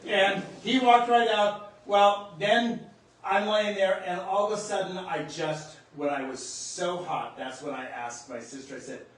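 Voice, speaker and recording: A man earnestly recounting a personal spiritual experience to the camera, in a halting way. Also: sits high, fairly even intonation, fairly bright tone. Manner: earnest, halting, reliving the moment. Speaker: spiritual storyteller. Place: room in his home near the kitchen. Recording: echoey room, distant mic, faint background hum.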